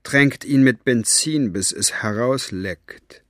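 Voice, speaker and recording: A man voicing a bored, menacing gang boss who speaks slowly and quietly. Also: mid-range voice, dry recording, studio quality, natural voice.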